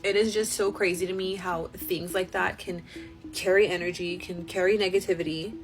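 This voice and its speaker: A woman host telling spooky stories in a casual, animated, conversational way, drawing out words for suspense. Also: fairly low pitch, normal speed, poor audio. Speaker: host reading follower-submitted spooky stories. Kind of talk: casual spooky storytelling to camera. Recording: music behind the voice. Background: music.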